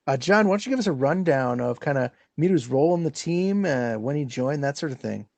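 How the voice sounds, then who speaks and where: A man's voice: on the high side, animated, brisk, vocal fry, a little mellow, no echo. A man hosting a casual soccer podcast, reading out results and introducing a guest in a loose, jokey way. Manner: loose, jokey, a bit crude. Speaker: podcast host.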